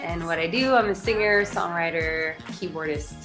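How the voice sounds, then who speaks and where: A singer-songwriter from Canada with a slightly low voice talks in an easygoing way, restarting her phrases and growing animated as she retells a moment. Faint music runs underneath. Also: moderate pace. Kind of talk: casual interview chat.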